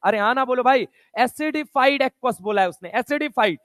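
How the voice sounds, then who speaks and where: This online chemistry lecture features a man whose very high, fairly bright voice is animated as he quizzes students quickly and counts aloud. He blends Hindi with English lines read from the textbook in a relaxed, friendly way, and no room sound can be heard.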